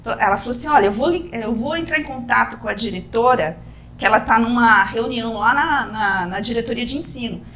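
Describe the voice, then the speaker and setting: A Brazilian woman co-hosting a casual podcast, telling a personal story with lively acted-out quotes. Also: on the high side, brisk, slight background noise. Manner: animated storytelling, acting out quoted speech.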